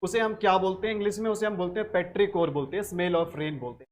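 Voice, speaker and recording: High-voiced Indian English teacher explaining words. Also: male voice, slight background noise. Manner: repeats each word slowly, asks and answers own questions. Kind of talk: spoken English vocabulary lesson in Hindi.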